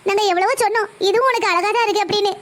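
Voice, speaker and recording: A woman's voice: very high-pitched, very fast. A woman voicing a distraught middle-aged mother in a cartoon, talking in a tearful, pleading way. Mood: sorrowful. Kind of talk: cartoon voice acting.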